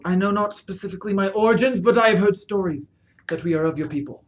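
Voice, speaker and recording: A man voicing a humble, earnest lizard-like alien in a tabletop game, halting and solemn. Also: sits high, close to an everyday voice. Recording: noisy home recording.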